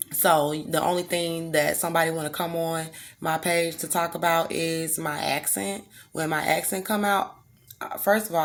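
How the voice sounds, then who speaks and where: A woman's voice: deep voice, vocal fry, fairly bright tone. A woman from the United States, speaking in an angry, emphatic, defensive monologue to the camera, her throat sounding strained. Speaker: vlogger.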